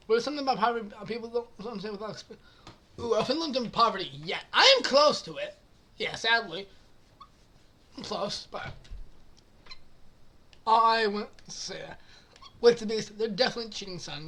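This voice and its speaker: A woman's voice: mid-range voice, a bit bright. A woman hosting a casual reaction commentary on forum posts, crude and profane, laughing often and apologizing as she goes. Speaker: channel host reading forum posts.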